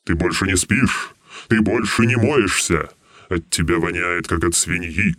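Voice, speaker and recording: An actor playing a stern, brooding shadow king homunculus in an audiobook, speaking gravely and slowly. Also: low-pitched, a bit bright, dry recording, clean studio sound. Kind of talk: audiobook role.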